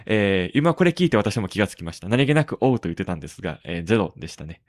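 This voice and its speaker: Halting man hosting a tech podcast. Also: deep voice, very animated, dry recording, clean studio sound. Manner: halting, many drawn-out fillers between phrases. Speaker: podcast host. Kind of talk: casual tech podcast talk.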